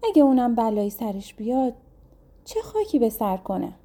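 A woman's voice: fairly high pitch, big pitch swings, mellow. A woman reading as a troubled young sister. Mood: sorrowful.

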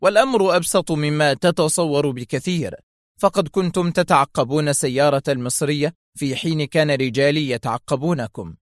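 Icy indifferent male station chief, voiced by a male reader, stern, mocking calm, dry recording. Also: on the high side, a little fast, no echo, close to an everyday voice. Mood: cold.

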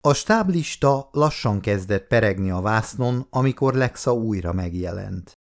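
A man narrating an audiobook in a calm, measured reading voice. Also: fairly low pitch. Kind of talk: scripted narration.

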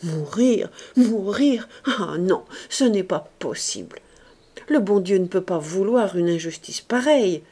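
A woman's voice: animated, measured pace. Woman doing a frantic old servant woman. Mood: frantic pleading. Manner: pleading, crying out high and loud. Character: devoted aging female servant, pious and frantic.

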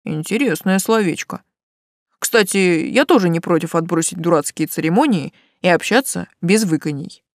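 A woman voicing a sturdy, guarded male stonemason in an audiobook, measured and slightly lowered. The delivery moves with a lively pitch, recorded dry and close. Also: no room sound. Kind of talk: audiobook character reading.

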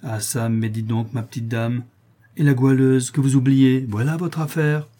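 A man's voice: medium pitch, fairly even intonation, normal speed, dark tone, natural voice. A man reading aloud and voicing a greedy, scheming old woman who talks in coarse, wheedling slang.

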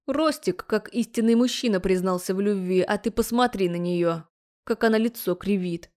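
A woman's voice: medium pitch, normal speed, darkish tone, natural voice. A woman voicing a defiant, sarcastic young heroine in an audiobook. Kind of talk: audiobook character voice.

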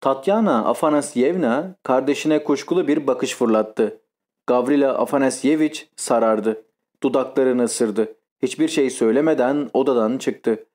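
Mellow-voiced male audiobook narrator. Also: medium pitch, moderate pace. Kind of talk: scripted literary narration.

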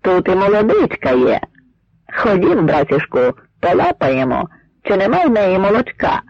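A man voicing a hungry, brutal male soldier who shouts and jeers coarsely, on a dry, slightly muffled recording. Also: sits high, wildly swooping pitch, moderate pace, creaky, no room sound, pitched above the performer's own voice, heavily acted. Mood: jeering.

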